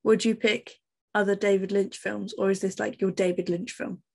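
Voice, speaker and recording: A woman's voice: medium pitch, little pitch movement, moderate pace, gravelly, a little mellow. A young woman in her twenties co-hosting a film podcast, curious and asking follow-up questions. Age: 20s. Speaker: podcast co-host. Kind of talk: casual film-review chat.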